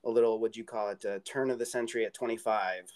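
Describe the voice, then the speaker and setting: A man's voice: lowish voice, steady tone, fast, darkish tone. A man hosting a podcast, talking with enthusiasm and rambling through his points. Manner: enthusiastic, rambling, restarts words. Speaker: podcast host. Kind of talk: casual interview talk.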